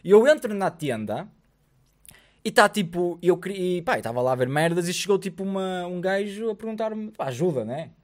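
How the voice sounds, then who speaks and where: A man in his thirties with a European Portuguese accent, co-hosting a casual podcast and telling animated stories, acting out the dialogue and swearing freely, on a studio mic. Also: high-pitched, normal speed. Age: 30s. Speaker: podcast co-host. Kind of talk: casual chat. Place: studio with blue lighting, indoors. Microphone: studio mic on arm.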